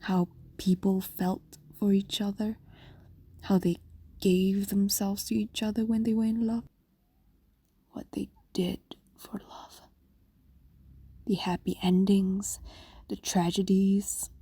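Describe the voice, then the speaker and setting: Whispering softly and breathily in a mid-range voice, a woman voices an ancient female fox demon, lovestruck, possessive and tender, for an intimate fantasy roleplay in ASMR style. The mood is wistful and fond, the delivery flat yet slow and coaxing, with long pauses. The recording is dry.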